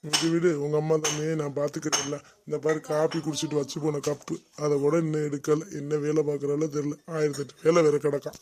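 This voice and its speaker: A man voicing a weary, soft-hearted middle-aged father in a homemade cartoon. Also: on the high side, fairly quick, few pauses, slight background noise, close to an everyday voice. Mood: calm. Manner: grumbling, calm. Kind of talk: cartoon voice acting.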